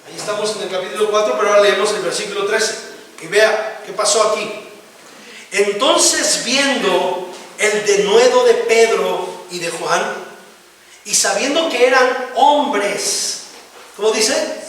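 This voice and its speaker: A man's voice: high voice, measured pace, a bit bright. A man preaching a sermon emphatically in a church, with rhetorical questions and frequent calls of amen. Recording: echoey hall, distant mic, faint noise.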